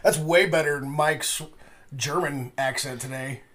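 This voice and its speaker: Man, co-host, joking banter, loose casual chat, fairly high voice. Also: measured pace, a bit bright, slight background noise. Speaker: podcast co-host.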